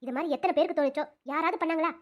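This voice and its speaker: A woman voicing two scheming village women in a cartoon, chatting quietly and smugly. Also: very high voice, fairly even intonation, very fast. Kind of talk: cartoon dubbing.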